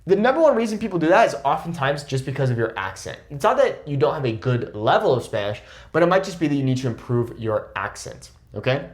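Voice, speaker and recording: A young man gives a casual Spanish video lesson, explaining points in a lively way and often checking in with "okay?". His medium-pitched voice moves fast, with hardly any pauses.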